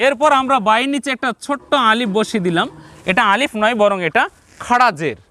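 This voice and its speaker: A male Quran teacher with a Bangladeshi Bengali accent gives a step-by-step reading lesson. He repeats each point slowly and speaks straight to the viewers. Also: extremely high pitch, lively intonation, sharp tone.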